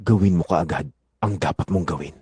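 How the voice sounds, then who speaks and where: An actor playing Jesus as a solemn, authoritative teacher in an audio Bible drama, speaking earnestly and deliberately. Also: male voice, low voice, a little mellow, slight background noise, lightly acted. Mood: grave. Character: Jesus, solemn, authoritative male teacher addressing his disciples.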